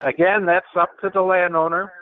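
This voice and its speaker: A man's voice: sits high, flat delivery, fairly quick, heavy background noise. A man presenting on wildlife control and answering questions in a plain, folksy, matter-of-fact way, his voice heavy with reverb. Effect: heavy reverb, echoey sound. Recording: reverberant, tinny phone-like audio.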